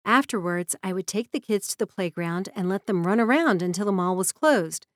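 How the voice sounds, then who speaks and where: A woman narrates her memoir in an earnest, reflective tone. Her voice sits at an ordinary middle pitch. The sound is dry and close, with no room echo. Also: expressive, normal speed.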